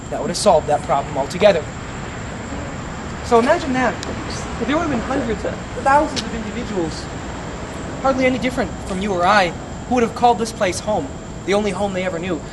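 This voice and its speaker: A man guiding a ghost tour, telling grim history in a dramatic, deliberate storytelling way with emphatic pauses, recorded outdoors. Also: high voice, lively intonation. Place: outdoors on a city street by an old building. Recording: outdoor recording with clear city traffic noise.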